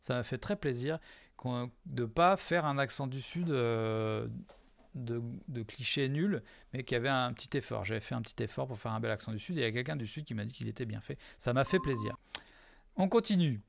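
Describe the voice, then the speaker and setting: A man's voice: mid-range voice, a little fast, vocal fry. A man casually commenting live on his own video, hesitant with lots of fillers and self-mocking jokes.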